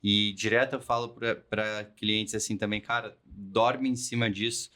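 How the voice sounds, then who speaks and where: A man's voice: lowish voice, little pitch movement, unhurried, bright, forceful tone. A podcast host with a Brazilian Portuguese accent, talking casually and often repeating words while he thinks. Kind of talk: podcast conversation.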